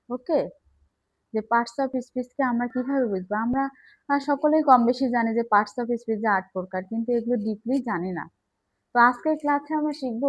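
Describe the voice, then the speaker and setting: Teacher, woman, high voice, patient step-by-step classroom explaining. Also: rough recording. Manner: explains step by step, checks with "okay?". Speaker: English teacher. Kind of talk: classroom grammar lesson.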